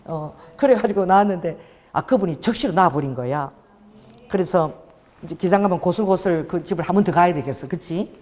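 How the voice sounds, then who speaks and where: A woman pastor preaching a sermon, telling a story with lively quoted voices. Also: lowish voice, fairly quick, long reverb tail.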